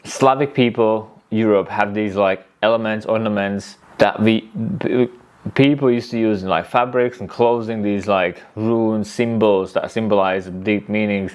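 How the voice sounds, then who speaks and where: A man's voice: on the low side, fairly even intonation, a little slow, smooth. A man teaching tattooing in a casual, rambling way, often restarting his sentences. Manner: rambling, restarts often, acts out client talk. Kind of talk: casual spoken lesson.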